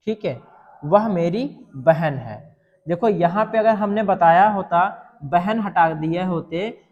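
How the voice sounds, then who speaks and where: A male teacher giving a grammar lesson for exam students, repeating example sentences slowly and asking questions. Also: sits high, darkish tone, in a large hall, lo-fi sound.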